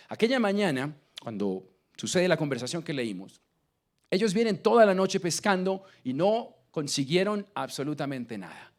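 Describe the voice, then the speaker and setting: A Colombian-accented man delivers a sermon in a fairly high, very lively voice. He peppers the congregation with questions and swings between loud emphasis and hushed lines. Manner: preaching with rhetorical questions to the congregation. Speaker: pastor.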